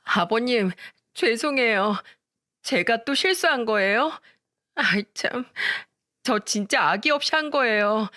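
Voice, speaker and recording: A woman's voice: fairly high pitch, expressive, a little slow, sharp tone, no echo, studio quality. A woman reading a story voices a rude, mocking young sister-in-law. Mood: pleading.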